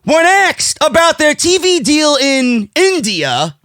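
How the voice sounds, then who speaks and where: An American man with a New York accent, an opinionated wrestling commentary host, launches into a brash, profane, indignant rant, hammering each point with emphasis. His voice is extremely high and a bit bright, swinging widely in pitch at a slow pace. The studio sound is clean, with no room sound.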